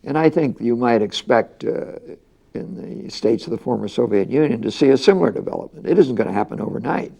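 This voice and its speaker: An older man giving measured interview answers, deliberate and pausing to search for words. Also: mid-range voice, animated, gravelly, mellow.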